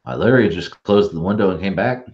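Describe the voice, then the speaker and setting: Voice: man. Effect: echoey, distant, across-the-room sound. Tone: low, dull. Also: fast, a little mellow. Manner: swears freely, muttering while fiddling with settings. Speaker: participant in an online call. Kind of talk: casual chat. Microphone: webcam microphone picked by default.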